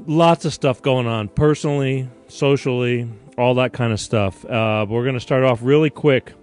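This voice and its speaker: A man's voice: mid-range voice, normal speed, a little mellow, soft background music. Rambling man hosting a live show. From Connecticut, USA. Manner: rambling, digressive, with frequent restarts and casual swearing. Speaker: host of a live call-in talk show. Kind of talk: live-streamed talk show monologue.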